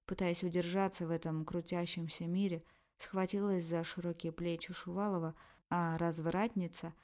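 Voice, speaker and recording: A woman with a low-pitched voice narrating a first-person erotic novel as an audiobook. Her reading is expressive and emotional, leaning into every feeling of the heroine. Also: normal speed.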